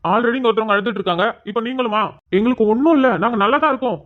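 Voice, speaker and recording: A woman doing a fed-up young son pleading fast, tinny phone-line sound. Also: a little high, lightly acted. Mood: exasperated. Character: young man, exasperated injured son. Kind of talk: cartoon voice acting.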